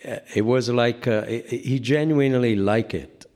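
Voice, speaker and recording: A man's voice: medium pitch, normal speed, darkish tone. An older man giving an informal spiritual class, rambling through anecdotes with many "you know" asides and self-deprecating humor. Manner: self-deprecating humor, laughs at own jokes. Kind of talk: informal scripture class sermon.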